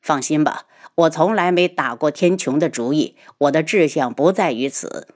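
A woman doing a cold, low-voiced noble prince. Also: normal speed. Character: calm cool-tempered noble prince, man.

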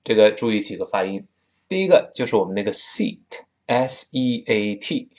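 A man from Tianjin with a Tianjin accent, teaching spoken English in a chatty style and drawing out words slowly to demonstrate them. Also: fairly low pitch. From Tianjin, China. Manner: drawn-out slow demonstrations of words; lively and chatty.

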